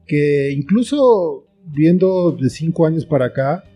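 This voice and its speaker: The guest in this conversational interview, a middle-aged writer and filmmaker with a Mexican accent, speaks reflectively in a fairly high, husky voice that is expressive and unhurried. Faint, soft plucked guitar music accompanies him.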